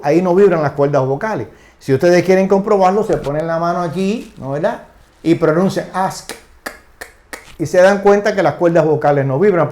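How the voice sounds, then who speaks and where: A man's voice: a little high, darkish tone. An older man teaching English grammar, patient and repetitive, checking in with "no? verdad? ok?" as he explains. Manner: patient, repeats tag questions "¿no? ¿verdad? ¿ok?".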